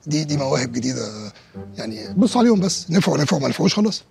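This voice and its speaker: A man's voice: fairly high pitch, big pitch swings, rapid-fire, gravelly, a little mellow. A man with an Egyptian Arabic accent, an actor on set, talking in a coaxing, placating way in a comic sketch.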